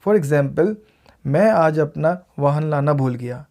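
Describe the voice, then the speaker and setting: A man with an Indian English accent, a teacher, gives a casual video lesson in pronunciation and says each word slowly and clearly more than once. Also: a little high, lively intonation, darkish tone. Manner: repeats words slowly and clearly for learners.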